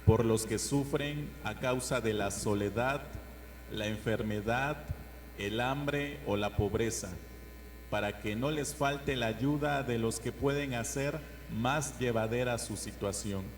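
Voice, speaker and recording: A man's voice: mid-range voice, slow pace. Guy reading prayers of the faithful at mass, formal, echoey church, hummy recording. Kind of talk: formal liturgical reading of petitions. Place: large indoor church with echo. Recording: echoey church, clear hum noise.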